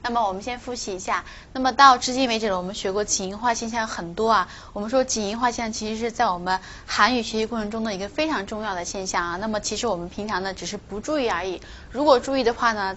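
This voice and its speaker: A woman's voice: mid-range voice, a bit bright, slight background noise. Woman teaching pronunciation, dull recording. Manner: explains patiently, repeats example words slowly and stresses them. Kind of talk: online language lesson.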